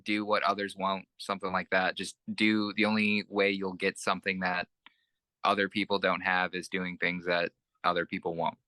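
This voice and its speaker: Young male band musician, interview guest: deep, edgy tone, dry close sound, rambling with fillers. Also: little pitch movement, moderate pace, bright, forceful tone, no room sound. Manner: rambling, many fillers and restarts. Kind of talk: casual interview chat.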